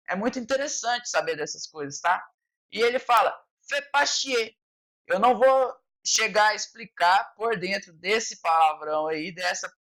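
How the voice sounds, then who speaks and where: A woman's voice: medium pitch, a bit bright, low-quality recording. A Brazilian woman leads an online French lesson. She talks in a patient, explaining way and keeps checking in with a short "tá?" after each point. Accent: Brazilian Portuguese. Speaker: French teacher.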